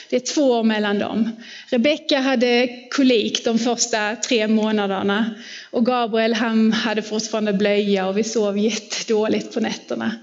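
Woman preacher, high voice, chatty storytelling sermon, long church reverb, muffled lo-fi sound. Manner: warm personal storytelling, conversational. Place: church hall.

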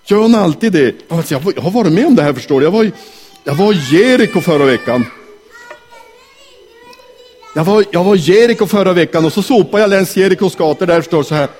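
A man telling a Bible story to children in character, animated and asking them questions. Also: high voice. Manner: animated, asks the audience questions. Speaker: children's talk leader.

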